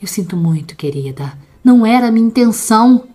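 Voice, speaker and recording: A woman's voice: mid-range voice, takes it slowly, darkish tone, husky, faint music behind. A woman voicing a terrified young man, crying out and pleading in a horror audio story. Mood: panicked. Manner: panicked cries and pleas. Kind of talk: dramatic audio-story reading.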